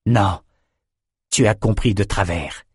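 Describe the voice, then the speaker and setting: A man voicing a grim, wounded male lord leading a battle, speaking in steady, reasoned commands in an audiobook. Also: fairly low pitch, slow pace, husky, dry recording, clean studio sound, exaggerated voice. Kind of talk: audiobook character reading.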